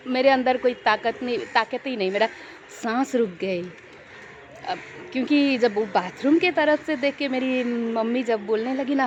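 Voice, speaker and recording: Rambling woman vlogger, dull noisy recording. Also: high voice. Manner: rambling, repeats and restarts phrases; grows tense and breathless recalling a scare. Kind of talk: casual storytelling vlog. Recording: dull lo-fi recording with loud background noise and crows.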